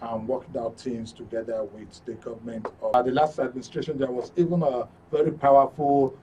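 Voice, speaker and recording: A Nigerian radio and TV show host with a mid-range voice runs a live call-in programme from a broadcast studio, talking courteously but hesitating often. His tone is warm and level, and he speaks a little fast. The mic is distant, and background noise is noticeable.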